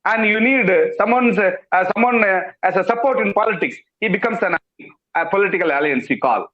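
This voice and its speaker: Man, Tamil-accented Indian English, high voice, emphatic repetitive lecturing, lots of uh fillers, muffled lo-fi audio. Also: roomy sound. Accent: Tamil-influenced Indian English. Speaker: English professor giving a webinar talk. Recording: dull lo-fi webinar audio.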